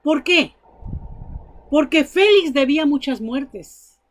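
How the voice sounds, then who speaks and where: A woman's voice: high voice, lively intonation, slow. A woman preacher delivering a sermon, telling Bible stories and her own testimony in an earnest, emphatic way.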